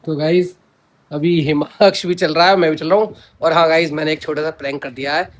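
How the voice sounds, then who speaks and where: A man's voice: fairly high pitch, fairly even intonation, brisk. A man vlogging in a casual, talkative way, stubbornly teasing his wife on a phone call as a prank. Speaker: vlogger, husband.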